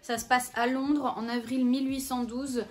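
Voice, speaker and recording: A woman's voice: high-pitched, little pitch movement, normal speed, darkish tone. A young woman with a French accent, chatting casually at home about the books she plans to read, with many fillers and self-corrections. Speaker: book vlogger. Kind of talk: casual chat. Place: at home in front of her bookshelves.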